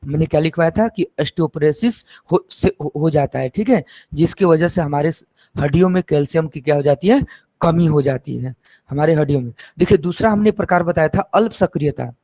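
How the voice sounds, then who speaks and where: A man's voice: fairly high pitch, brisk, warm tone, dry recording. A man teaching a lesson, explaining step by step and asking and answering his own questions. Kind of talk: classroom lecture.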